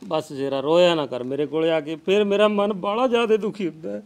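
Actor: aging father, poor and tender, gentle consoling tone, slightly high pitch. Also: fast.

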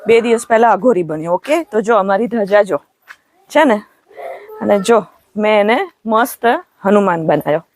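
A Gujarati woman chatting casually in a vlog, often calling to her child and her cows in a high, coaxing sing-song voice, outdoors on a farm. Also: normal speed, darkish tone, dry recording. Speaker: vlogger and mother.

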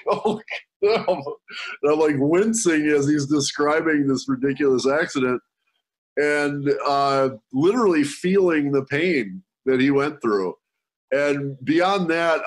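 Animated man telling a story. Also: mid-range voice. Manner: animated storyteller acting out quoted voices. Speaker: guest speaker. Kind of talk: storytelling talk.

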